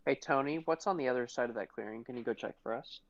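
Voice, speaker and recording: A man's voice: medium pitch, fast, dry recording. Guy playing a tabletop game, always asking stuff, muffled lo-fi sound. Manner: inquisitive, asking lots of questions. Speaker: player. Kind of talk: casual chat while playing a tabletop game.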